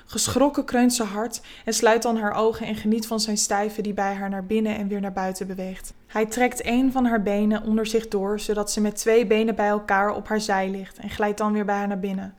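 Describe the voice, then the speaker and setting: Soft-spoken woman narrating an erotic story. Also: mid-range voice.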